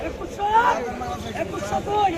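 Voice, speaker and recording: A man working as an auctioneer, loudly chanting prices over and over to call for bids. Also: extremely high pitch, flat delivery, normal speed, a loud crowd. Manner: loud, repetitive calling of prices. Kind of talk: auctioneer's chant, calling bids in rapid repetition. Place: outdoor wholesale fruit market. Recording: noisy crowded outdoor market, street traffic.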